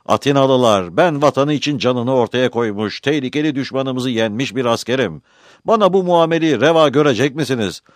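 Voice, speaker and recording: A man's voice: medium pitch, lively intonation, brisk, dry recording, studio quality, voice pushed up, natural voice. A male narrator voicing a wounded ancient Greek soldier and demagogue who cries out to a crowd, pleading and indignant. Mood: impassioned, indignant. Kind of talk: dramatized documentary narration.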